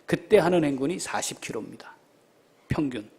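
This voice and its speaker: Animated high-voiced male pastor preaching. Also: a little fast, gravelly, husky. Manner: rhetorical questions to the congregation, drops to a whisper in prayer; addresses members by name. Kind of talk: sermon.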